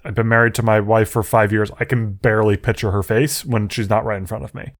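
A man's voice: lowish voice, fairly even intonation, fast talker. A man co-hosting a podcast in casual chat, enthusiastic and often repeating words as he goes. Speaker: podcast co-host.

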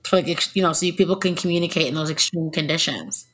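A woman's voice: sits low, quick pace, fairly bright tone. A young adult woman hosting a casual chat in an informal, conversational way. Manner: informal, peppered with "like". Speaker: podcast host.

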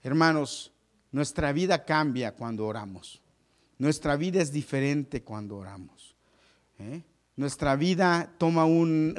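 A man preaching a sermon in an impassioned way, repeating phrases and rising and falling for emphasis. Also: mid-range voice.

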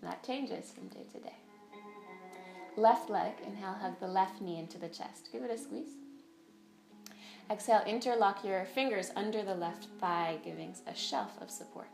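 A woman's voice: mid-range voice, moderate pace, creaky, a little mellow. A woman teaching a guided yoga class, giving step-by-step directions and breath counts. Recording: roomy echo, faint music behind.

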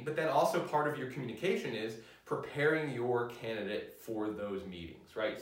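A man's voice: fairly high pitch, a bit bright. Casting: male lecturer, chatty and unscripted, heard from a distance in a roomy classroom. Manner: conversational, frequent fillers and restarts. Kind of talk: university lecture. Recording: roomy echo, mic at a distance.

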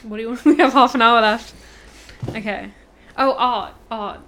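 A woman's voice: on the high side, moderate pace, a bit bright. A woman from Punjab, an artist, chatting playfully and bluntly about art and taste. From Punjab, India. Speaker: artist, podcast guest. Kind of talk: casual chat.

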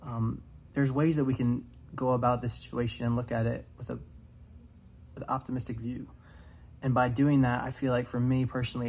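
A man's voice: mid-range voice, creaky, a little mellow, a little hiss or hum. A young man in his twenties giving an earnest devotional talk, casual and full of fillers. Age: 20s. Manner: earnest, many "um"s, reads scripture aloud. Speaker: student devotional speaker.

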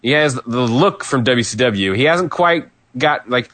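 A man co-hosts a chatty podcast, explaining things in a relaxed, knowing way with plenty of fillers. His voice sits in a middle pitch and sounds dry and close to the mic. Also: unhurried, no room sound. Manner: relaxed, knowledgeable, easygoing with fillers. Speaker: podcast co-host. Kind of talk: casual chat about old wrestling.

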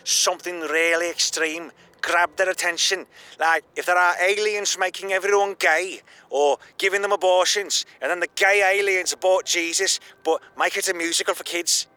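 A man's voice: sits high, steady tone, moderate pace, sharp tone, clear, resonant tone. An actor playing a male friend on the phone who talks in a defensive whine and squeals when upset. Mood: scheming. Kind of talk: audio drama acting.

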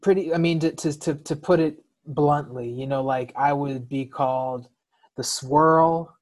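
Unhurried and a little high-pitched, a man from the United States opens up about himself as a guest in a conversation. Searching for his words, he sometimes repeats them as he tells his personal story candidly.

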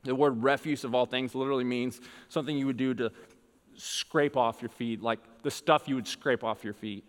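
A man in his thirties preaching a sermon, earnest, moving between emphatic points and quiet, casual stories. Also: mid-range voice, steady tone, moderate pace. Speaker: pastor. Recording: long hall reverb.

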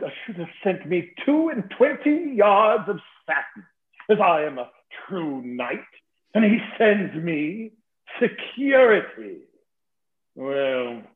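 A fat, boastful old knight, played by a man, rolls out his insults slowly and with relish, his pitch climbing and dropping theatrically. The sound is thin and phone-like, bouncing around an echoey room. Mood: indignant. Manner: blustering, mocking, savoring insults. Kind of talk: theatrical verse-play reading.

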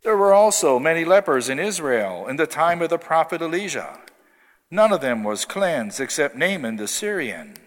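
A man's voice: on the high side, sing-song, moderate pace. A man, a clergyman, giving a formal liturgical Gospel reading in a large church with cathedral echo.

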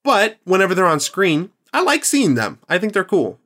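A man's voice: sits high, wildly swooping pitch, normal speed, fairly bright tone. A man hosting a podcast in casual chat, rambling and enthusiastic, with plenty of fillers and restarts. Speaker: podcast host.

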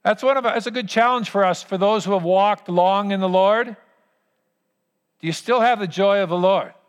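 A man preaching a sermon as pastor, with earnest, emphatic phrasing and deliberate pauses. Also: sits high, smooth. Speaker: pastor leading a church service. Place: large church hall. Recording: long hall reverb.

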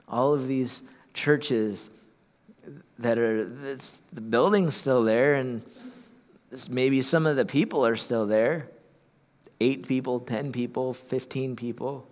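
A man's voice: mid-range voice, a little slow. A man from Ohio preaching a sermon as pastor, earnest, often repeating words as he restarts. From Ohio, USA. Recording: long hall reverb.

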